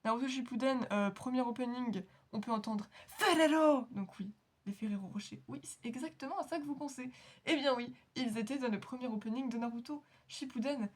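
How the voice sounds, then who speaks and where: A woman's voice: fairly high pitch, fairly quick. A woman hosting an anime reaction video, chatting casually in a rambling, giggly, self-mocking way. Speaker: anime reaction channel host.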